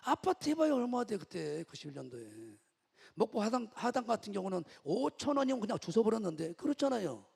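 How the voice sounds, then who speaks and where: A middle-aged man preaches a sermon in a high, swooping voice with a gravelly, husky edge. He tells his story with rhetorical questions to the congregation. His voice rings through a large church hall with long reverb. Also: very animated, fairly quick, a little mellow. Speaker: pastor. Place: church sanctuary.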